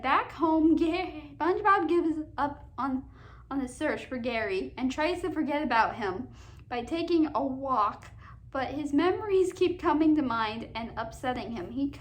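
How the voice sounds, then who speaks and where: This cartoon countdown host is a woman whose voice sits notably high. Her casual commentary alternates between friendly chatter and read-aloud summaries, and her halting delivery is full of stumbles and repeated words.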